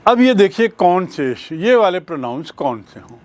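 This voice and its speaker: A man teaching English grammar in a bilingual classroom lecture, explaining deliberately with examples and spelled-out letters. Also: high voice, sing-song, darkish tone.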